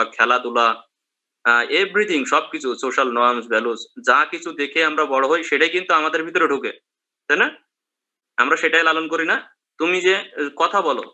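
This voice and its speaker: A man's voice: mid-range voice, sharp tone. A man from Bangladesh, a teacher giving a class lecture and checking in with his students through questions.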